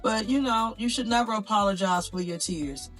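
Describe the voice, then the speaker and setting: A woman's voice: mid-range voice, normal speed, faint music behind, rough recording. A middle-aged woman interviewing her daughter in a reassuring, motherly way, with lots of small affirmations. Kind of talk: supportive interview.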